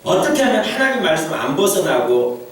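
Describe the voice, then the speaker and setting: A preacher acting out anguished older Job crying out. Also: male voice, big pitch swings, a little fast. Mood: complaining. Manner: anguished pleading, rising to high emphatic cries. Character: suffering Job, an older man pleading with God. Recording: very echoey hall, voice from far off.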